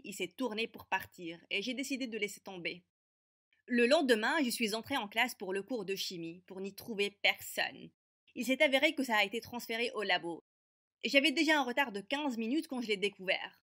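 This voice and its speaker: A woman voicing a feisty teenage girl who narrates an animated story with brisk, sarcastic wit. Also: mid-range voice.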